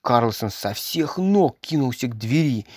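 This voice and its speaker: A woman reading a children's story aloud, narrating in an expressive, measured way. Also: extremely low pitch, slightly rough, no room sound, studio quality.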